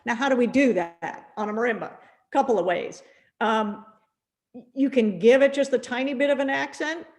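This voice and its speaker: A middle-aged woman teaching a percussion masterclass, gently encouraging and often repeating words as she thinks aloud. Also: a little high, normal speed.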